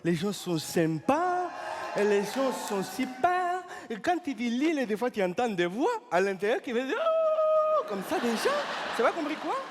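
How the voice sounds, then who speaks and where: [name], a man doing a rambling muddled storyteller. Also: moderate pace. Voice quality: garbles grammar and words. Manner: lively, swooping pitch. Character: rambling, mangled-French male storyteller. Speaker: comedian. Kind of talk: improvised stage comedy sketch.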